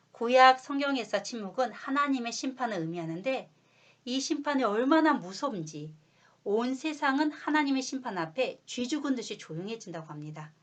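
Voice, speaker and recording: A woman preaching a practice sermon, asking her listeners questions and building tension before dropping to a quiet hush. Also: mid-range voice. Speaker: preacher in training.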